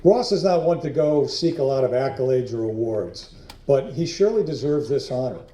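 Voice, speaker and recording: A man's voice: mid-range voice, expressive, normal speed, mellow, echoey room, muffled recording. A man presenting an award at a luncheon, introducing an honoree in a friendly, lightly joking way. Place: large banquet hall.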